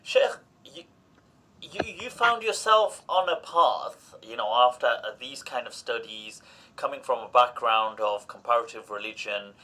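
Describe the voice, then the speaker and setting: A male podcast host with a bright, forward voice. He asks long, loose questions full of fillers and restarts. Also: medium pitch, lively intonation, unhurried, slight background noise. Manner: rambling, questions with many fillers. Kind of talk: conversational interview.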